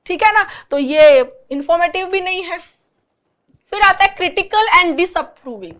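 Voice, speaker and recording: A woman teaching an exam-prep lesson, reading English lines slowly and explaining them, often asking "clear?" to check understanding. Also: very high voice, lively intonation, fairly bright tone. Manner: asks checking questions, translates English lines into Hindi; reads the English text slowly and deliberately.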